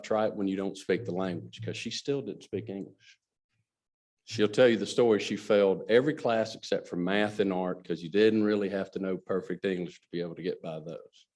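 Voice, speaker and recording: Speaking in a lowish, slightly mellow voice, a middle-aged man from Alabama addresses a luncheon crowd directly. He's there as guest speaker and company president, telling his stories with earnest sincerity.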